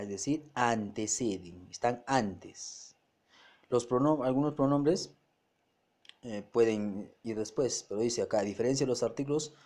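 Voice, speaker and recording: Man teaching a grammar lesson, mellow voice. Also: medium pitch. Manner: explains step by step, often restarts words and checks "¿ya?".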